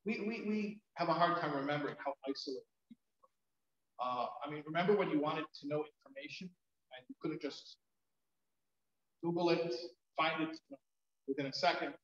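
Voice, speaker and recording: A man, a rabbi, tells stories at a community event in a lively, chatty way, full of fillers and restarts. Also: fairly high pitch, moderate pace. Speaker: rabbi, storyteller. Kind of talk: storytelling talk at a community event. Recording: very echoey, dull event hall sound.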